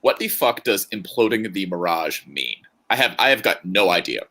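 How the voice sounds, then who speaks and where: A man's voice: sits low, big pitch swings, moderate pace, bright, forceful tone. A man co-hosting a podcast in casual banter, joking and rambling with frequent laughs. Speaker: podcast co-host.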